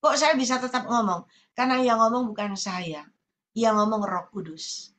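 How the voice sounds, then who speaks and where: A woman's voice: fairly high pitch, moderate pace, fairly bright tone. A middle-aged woman evangelist, preaching earnestly over a video call and often repeating her phrases to her listeners. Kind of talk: sermon over Zoom.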